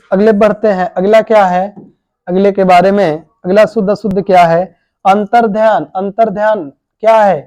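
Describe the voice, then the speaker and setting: High-voiced teacher quizzing spellings. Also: male voice, mellow, no room sound, lo-fi sound. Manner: quizzing questions, then answering them himself; addresses students familiarly as "babu" and "bhai". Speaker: coaching teacher. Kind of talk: exam-prep spelling lesson.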